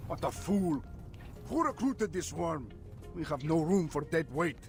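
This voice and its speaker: A man's voice: a little high, sing-song, measured pace, vocal fry, soft background music, exaggerated voice. An actor playing a scornful male cult herald in a game, proclaiming.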